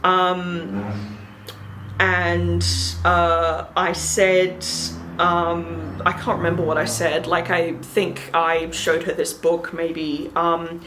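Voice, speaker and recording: Slow, rambling young woman telling a story. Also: on the low side, fairly even intonation, background noise. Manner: rambling, many ums and likes, earnest. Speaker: vlogger. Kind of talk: casual storytelling to camera.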